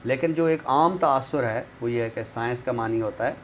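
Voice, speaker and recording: Speaking at a moderate pace in a mid-range voice, a male literary expert guest lays things out didactically but conversationally. He regularly uses tag phrases to check that the listener understands, in a clearly noisy room recording.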